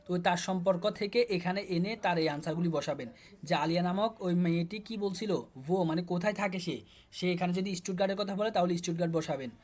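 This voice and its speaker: A man's voice: sits high, fast, darkish tone. A man speaking Bengali with a Bangladeshi accent, teaching German. He walks students through textbook exercises and repeats words as he goes. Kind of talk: casual explanatory lesson.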